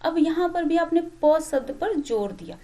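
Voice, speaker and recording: A woman with a high voice gives a patient lesson to teacher trainees. She talks through each point step by step. She keeps checking in with her listeners and pauses on fillers as she goes. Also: lively intonation, mellow. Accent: Hindi. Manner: explains slowly with many "ठीक" check-ins and fillers. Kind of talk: classroom lecture.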